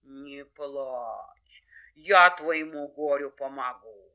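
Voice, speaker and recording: A woman doing a low, lumbering bear. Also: dull audio, full character voice. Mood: gruff. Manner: low, slow, rumbling. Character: big lumbering bear, gruff and slow.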